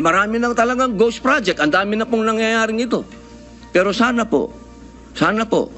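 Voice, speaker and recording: A man addresses the chamber as a senator in a formal floor speech. He sounds polite and earnest, and he keeps using respectful forms of address. His pitch runs high, and faint music sits under the clip. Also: a bit bright.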